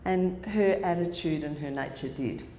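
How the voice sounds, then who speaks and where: Her voice fairly low and warm, at a normal speed, an Australian woman in her sixties tells the audience at a conference a personal story, with fillers and restarts. She speaks into a handheld microphone. The recording has the echo of a hall and some faint noise.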